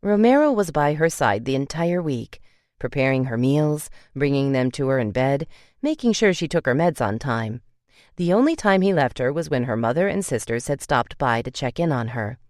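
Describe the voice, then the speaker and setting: A woman reading a romance audiobook in a steady, even storytelling voice. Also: extremely low pitch, normal speed, no room sound, studio quality. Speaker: audiobook narrator. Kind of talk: scripted romance narration.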